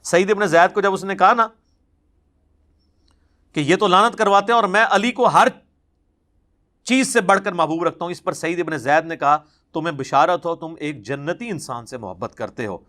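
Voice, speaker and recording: A man's voice: sits high, sharp tone. A man giving an impassioned religious lecture, recounting traditions with emphatic repetition in touched by a lilt. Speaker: religious speaker.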